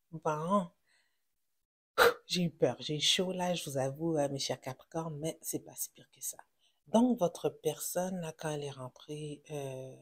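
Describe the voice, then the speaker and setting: Addressing the camera directly, a tarot reader with a Québécois French accent does a casual reading in a husky, slightly breathy, mellow voice of ordinary middle pitch. She's reassuring but halting, filling the reading with fillers, restarts, and self-corrections.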